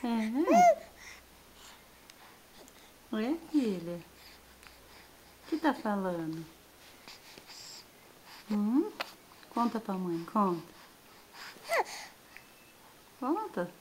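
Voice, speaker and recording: A Brazilian mother gently and repetitively coaxing her babies to talk in a home video. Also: a little high, wildly swooping pitch, drawn-out words, pauses often, a little hiss or hum. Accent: Brazilian Portuguese.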